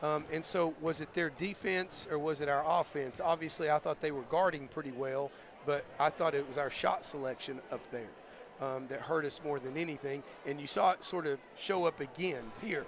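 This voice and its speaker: A male basketball coach, talking in a halting, thoughtful way with many fillers, his voice going hoarse, in a postgame interview. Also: fairly high pitch. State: losing his voice. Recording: crowd noise behind.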